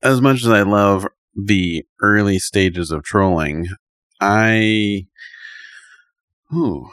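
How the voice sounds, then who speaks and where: A man with a very deep voice talks in a relaxed, rambling way, full of fillers, as a podcast co-host. The recording is dry and close-miked. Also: drawn-out words, no echo. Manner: relaxed, laid-back, rambling with many fillers. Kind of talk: casual podcast chat.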